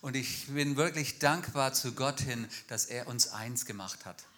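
A man interpreting a speaker line by line at a church, fluent and quick. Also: mid-range voice, pushed and bright. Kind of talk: live consecutive interpreting in a church.

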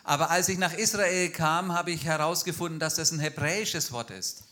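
Bright-voiced male church interpreter. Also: on the high side, normal speed. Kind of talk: live consecutive interpreting in a church.

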